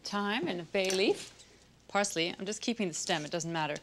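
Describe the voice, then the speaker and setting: A woman in her thirties with a medium-pitched voice hosts a cooking show from a home kitchen, chatting casually at a normal speed while she cooks. She sounds relaxed and talkative, with a loud music bed and a sizzling pan behind her.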